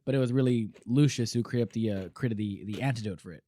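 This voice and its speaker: A man's voice: mid-range voice, fairly quick, dark tone. A man co-hosting a podcast, chatting about a film in a laid-back way with dry jokes. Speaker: podcast co-host. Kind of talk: casual movie chat.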